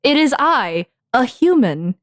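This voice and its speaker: Woman doing a non-human awkwardly passing as human, a slow stiff formal delivery with lively pitch, dry close sound. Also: dry recording, heavily acted. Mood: stiff mock-formal. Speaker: streamer playing a story game. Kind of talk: mocking game dialogue.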